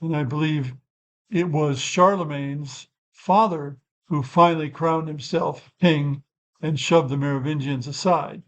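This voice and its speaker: Older man musing, higher-pitched voice. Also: measured pace, rough recording. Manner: rambling and thoughtful, self-correcting asides. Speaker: channel host. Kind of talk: unscripted explanatory talk.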